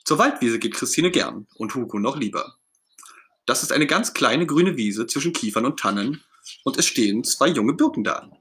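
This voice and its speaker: A man reading a children's story aloud as narrator, in an expressive, gentle storytelling manner. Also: mid-range voice, normal speed.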